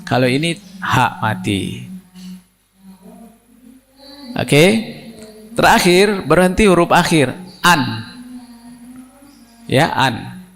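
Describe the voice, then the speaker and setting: A man's voice: on the high side, expressive, slow pace, long pauses, a bit bright, soft background music. A man teaching Quran recitation rules step by step to a class, often checking whether his listeners understand. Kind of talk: tajwid lesson for teachers.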